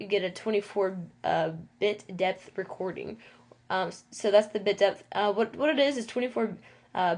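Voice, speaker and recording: Female tutorial presenter, medium pitch, lisp with whistly s, informal and halting, mildly self-conscious. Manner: halting, self-conscious, checks in with "okay, cool".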